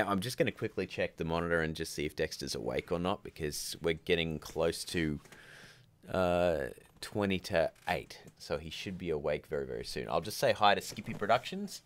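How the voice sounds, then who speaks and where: A man's voice: low voice, a bit bright. A man hosting a casual livestream, rambling and chatty in a groggy morning voice, talking from home. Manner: rambling, chatty, reads out viewer comments. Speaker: livestream host.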